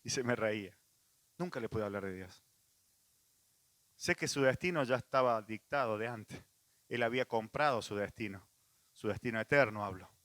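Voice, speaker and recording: A man's voice: lowish voice, expressive, normal speed, pauses often, fairly bright tone, dry recording. A male pastor with a Rioplatense Spanish accent, preaching a sermon in a conversational way, with frequent restarts and asides to the congregation.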